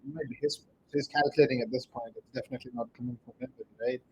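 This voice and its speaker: A man co-commentating a live chess game in a laid-back tone. He adds short remarks alongside the main commentator. His voice is mid-pitched, with a faint hiss behind it. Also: steady tone, fast talker, poor audio. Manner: casual, chiming in with short remarks.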